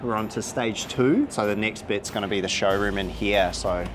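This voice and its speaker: A man's voice: lowish voice, moderate pace. A man with an Australian accent giving a casual interview as a dealership manager, agreeable and full of mate slang. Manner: agreeable, laid-back wording with mate slang. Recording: loud music and vehicle noise behind.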